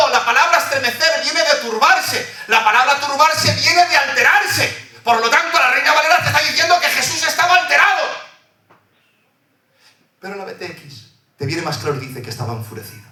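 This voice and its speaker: A man preaching a sermon in a church, swinging loud shouting to hushed, fervent delivery. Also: very high-pitched, reverberant, distant mic. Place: church hall.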